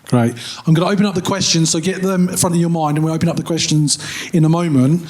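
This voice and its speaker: Jokey man hosting a panel, fairly high voice. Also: fast, darkish tone. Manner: upbeat, jokey, calls out to the crowd. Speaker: panel host. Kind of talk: moderating a panel.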